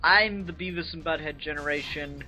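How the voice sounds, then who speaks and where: A man's voice: a little high, normal speed, bright, forceful tone, soft background music. A young adult man hosting a let's play, giving casual, chatty gaming commentary.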